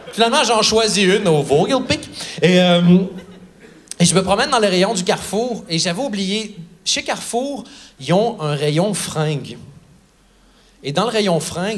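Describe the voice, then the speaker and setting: High-voiced comedian telling a story. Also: male voice, animated, unhurried, pauses often, fairly bright tone. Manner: storytelling, acting out the people he quotes. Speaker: stand-up comedian. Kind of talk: stand-up comedy set. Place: theatre stage before a live audience.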